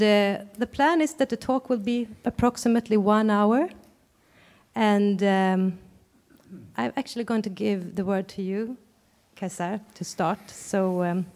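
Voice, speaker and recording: A woman organiser explaining how a panel discussion will work, friendly and a little halting. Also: mid-range voice, steady tone, darkish tone. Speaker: moderator. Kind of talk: explaining the event format.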